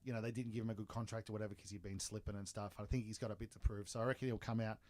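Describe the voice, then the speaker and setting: A man's voice: lowish voice, little pitch movement, rapid-fire, a little mellow, no room sound. A young Australian man co-hosting a podcast, telling stories in a blunt, rambling, slangy way. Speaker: podcast co-host. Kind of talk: casual chat.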